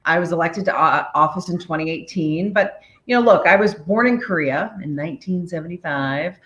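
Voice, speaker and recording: A woman in her forties from the DC area, a mayor, talking as a podcast guest in an energetic, upbeat way and laughing often. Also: on the low side, moderate pace, echoey room. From United States, DC area. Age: 40s. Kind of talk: podcast interview, casual.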